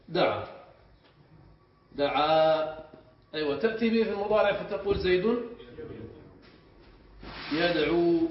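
A man, a sheikh, teaching a grammar class. He explains step by step and often checks the students with quick questions. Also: sits high. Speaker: sheikh teaching Arabic morphology. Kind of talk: classroom lesson. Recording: echoey room, muffled sound, faint hiss.

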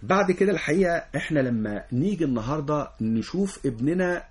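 A man with an Egyptian Arabic accent speaks as an education lecturer on a talk show. His voice is husky and he talks at a very rapid clip. His delivery is earnest and lecturing, and he keeps acting out example lines. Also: on the high side, animated. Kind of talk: explanatory interview answers.

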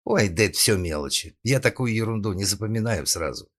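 A man's voice: lowish voice, animated, a little fast, a bit bright. A man voicing a brash, tipsy, impulsive young woman in an audiobook, speaking flippantly.

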